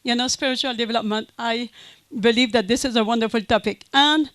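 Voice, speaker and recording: A woman's voice: fairly high pitch, a little fast, fairly bright tone, no echo. A middle-aged French Canadian woman, a native French speaker, giving a conference talk in a hesitant way, with many fillers and restarts. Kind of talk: conference presentation.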